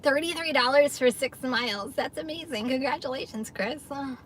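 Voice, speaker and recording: A chatty, upbeat middle-aged woman talks casually to her livestream viewers from inside her car, laughing easily between thoughts. Her voice sits a little high for a woman. A faint hiss of background noise runs under the recording. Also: normal speed. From New York area, US. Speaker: livestream host, gig delivery driver. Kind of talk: casual livestream chat reading viewer comments.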